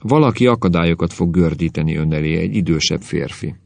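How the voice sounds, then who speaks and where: A man's voice: deep voice, vocal fry, darkish tone, no echo. A man reading aloud, voicing a dignified, sly old woman telling fortunes in a solemn manner.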